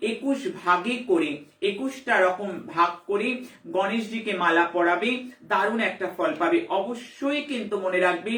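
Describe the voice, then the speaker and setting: Forceful woman teacher. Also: medium pitch, echoey room, far from the mic. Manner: emphatic, repetitive, rhetorical questions. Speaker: spiritual teacher and astrologer. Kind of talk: devotional teaching talk.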